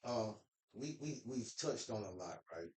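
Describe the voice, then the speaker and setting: A man's voice: on the low side, expressive, measured pace, darkish tone. A man hosting a podcast interview in a laid-back way, often murmuring agreement. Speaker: podcast host. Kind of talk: casual interview conversation. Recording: roomy echo.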